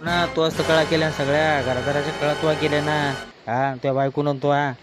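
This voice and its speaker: A man with a Varhadi Marathi accent playing a drunk, quarrelsome son who loudly demands his share of the family land in a village comedy skit. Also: a little high, flat delivery, brisk, over loud music, natural voice. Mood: belligerent. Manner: aggressive, shouting threats.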